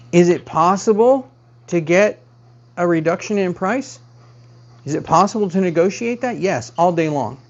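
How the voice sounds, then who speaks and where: A man's voice: on the high side, highs cut off. A man working as a real estate agent, giving emphatic advice straight to the viewer and repeating key phrases for stress. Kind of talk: direct-to-camera advice talk.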